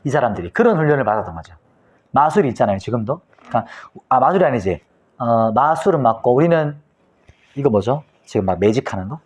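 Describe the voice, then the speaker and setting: A man's voice: mid-range voice, quick pace. A man from Korea, a pastor giving a Bible lecture, who tells the story vividly and acts out the scenes. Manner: animated storytelling, acting out scenes.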